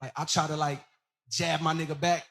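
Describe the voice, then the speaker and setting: A man with a slightly higher voice, speaking earnestly in a casual chat. He pauses and restarts a lot, filling the gaps with "like.". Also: level tone, creaky, a bit bright. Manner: earnest, halting, full of "like".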